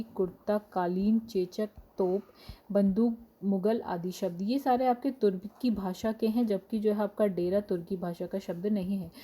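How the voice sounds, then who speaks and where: A woman teacher with a mellow, warm voice works through exam questions. She reads long lists of words in a steady rhythm and explains each answer plainly. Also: mid-range voice. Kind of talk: exam-prep lesson, reading questions and word lists.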